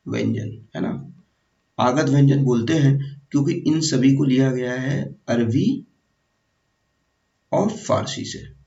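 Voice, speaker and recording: Male teacher running an exam-prep grammar lesson, quizzes the viewer, gravelly low-key voice, heard from afar in an echoey room. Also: dark tone. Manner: slow, repetitive, quizzing the viewer. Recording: echoey, distant, dull room sound.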